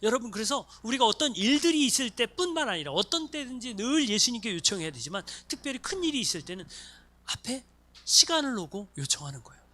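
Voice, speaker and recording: A man's voice: very high voice, fast. A man preaching as pastor of a church, acting out little voices of people in his stories. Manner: animated, acts out voices of congregants and students. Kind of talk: sermon. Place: church sanctuary.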